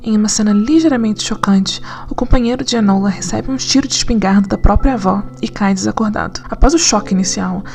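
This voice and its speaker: A woman narrating a scripted essay in an analytical, conversational way with lively asides. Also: medium pitch, a little fast, vocal fry, few pauses, faint music behind. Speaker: narrator and writer.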